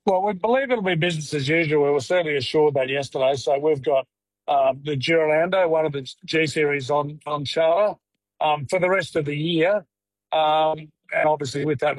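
A man talking over a patchy phone line from his car. He speaks haltingly, repeating words and using many fillers, as a guest on a radio interview. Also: a little high, no echo. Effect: phone call from a moving car, dropping reception. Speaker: live cattle exporter, phone-in guest.

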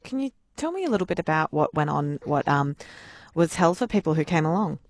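A woman interviewing a guest on radio, asking gentle, measured questions. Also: low voice, very animated, dry recording, clean studio sound.

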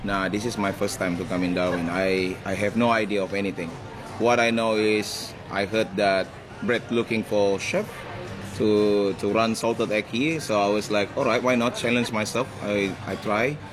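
A man who grew up in Malaysia, a head chef, chatting casually and haltingly in a radio interview and laughing often. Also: on the low side, level tone.

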